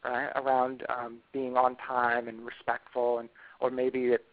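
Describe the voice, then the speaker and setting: A man's voice: medium pitch, monotone, measured pace. Man explaining over a tinny phone line. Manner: explanatory, checks in with frequent tag questions. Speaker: couples counselor and workshop leader. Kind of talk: explaining on a call.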